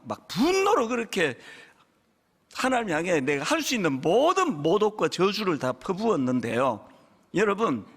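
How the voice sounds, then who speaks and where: A man's voice: sits high, a bit bright. A middle-aged man, a pastor, preaching a sermon in a church and telling a story with emotional rises and sudden drops. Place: church sanctuary. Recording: reverberant church hall.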